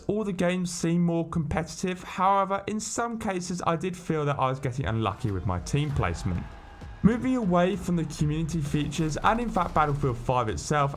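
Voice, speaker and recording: A British man narrating scripted gaming news as a host, in a colloquial, tongue-in-cheek manner. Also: fairly high pitch.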